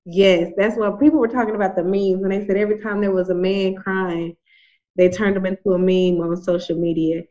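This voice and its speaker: A woman's voice: mid-range voice, steady tone, brisk, warm tone. Woman speaking emphatically, slightly dull recording. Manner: emphatic, colloquial. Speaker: organization representative, guest. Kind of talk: conversational talk, impassioned advocacy.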